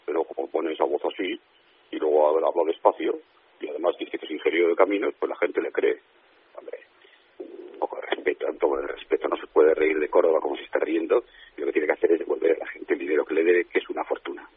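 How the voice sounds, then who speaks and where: A man's voice: rumbling low, steady tone, fast talker, slightly rough. A man with a Spanish accent from Spain, a radio guest speaking on the phone, indignant and emphatic, often repeating himself. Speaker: interview guest. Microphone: telephone. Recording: tinny phone line.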